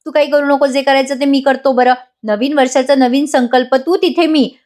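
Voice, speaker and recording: A woman's voice: high-pitched, fairly even intonation, moderate pace, a little mellow, lightly acted. A woman voicing a frantic pleading young husband.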